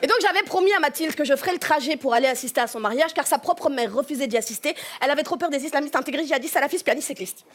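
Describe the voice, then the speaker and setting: A woman comedian doing a stand-up set with brisk, sarcastic asides. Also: high voice, noisy background. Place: stage with a live audience. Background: faint audience.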